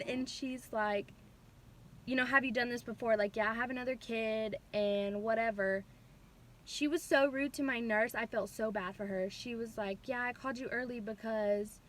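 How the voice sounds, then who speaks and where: A young woman vlogger casually retelling a personal story, chatty and animated, with lots of fillers. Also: a little high, slight background noise.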